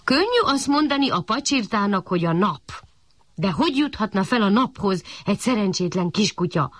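A woman reading a children's story aloud in an expressive, animated way. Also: mid-range voice, dry recording.

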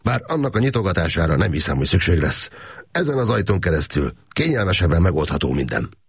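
A man's voice: sits low, very animated, slightly rough, dry recording, clean studio sound, pitched above the performer's own voice, heavily acted. A man reading an audiobook, voicing a forgetful churchman who explains politely and apologetically. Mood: apologetic.

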